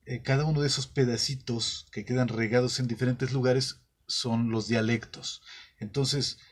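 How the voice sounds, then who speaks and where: A man with a Mexican accent, the host of his own channel, explaining a topic in a casual way and often pausing to rephrase his thoughts. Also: mid-range voice.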